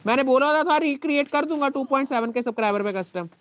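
A man with a Pakistani Urdu accent, a game streamer talking to his live chat in an exasperated, complaining way, his throat dry from shouting. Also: extremely high pitch, fast, a little hiss or hum. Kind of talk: live gaming stream talk.

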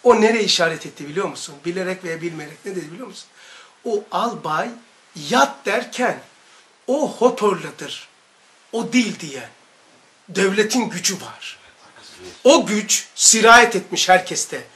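A man teaching an informal religious lesson, animated, asking his listeners rhetorical questions and barking mock military commands as examples. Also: high voice, moderate pace. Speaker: religious study-circle teacher.

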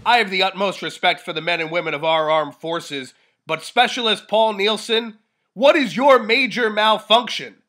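A man in his thirties cuts a wrestling promo in a raised, high voice. The tone is piercingly forceful, full of mock-tough bluster like a drill sergeant's orders. He leans on key words and leaves dramatic pauses between threats. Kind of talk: wrestling promo, theatrical trash talk. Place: small living room, indoors.

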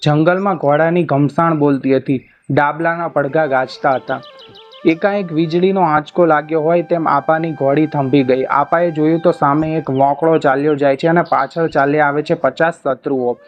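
Man narrating a folk tale over soft music. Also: on the high side, moderate pace. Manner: steady storytelling narration. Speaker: storyteller. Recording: muffled with faint music behind.

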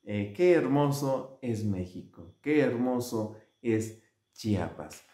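A man tells a fable to children in a slow, unhurried manner. His pitch swoops widely as he acts out the characters with sudden shouts. The room around him is echoey. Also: lively intonation. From Mexico. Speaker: children's musician and storyteller. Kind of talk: children's storytelling. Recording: roomy echo.

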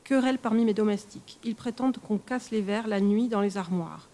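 A woman reading a first-person horror story aloud in a measured, expressive storytelling manner for a live stream. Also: medium pitch. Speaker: reader.

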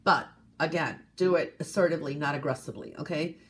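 A woman with a low-pitched voice gives a weekly coffee cup reading to camera, talking fast but gently and casually, often checking in with "okay?". She's congested from a cold and sniffles, and there's a little hiss or hum.

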